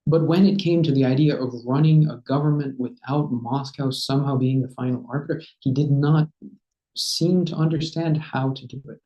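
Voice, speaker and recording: A historian in his thirties, speaking as a guest, answers a question in an academic talk with measured lecturing, often saying "uh" and "right?". His mellow, mid-range voice has fairly even intonation. A laptop webcam on a video call captures him in a bookshelved home study, giving dull, roomy audio.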